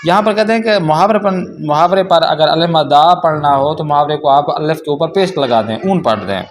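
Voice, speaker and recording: A man teaching a language class, explaining a workbook and reading example sentences slowly and carefully. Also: a little high, slight background noise.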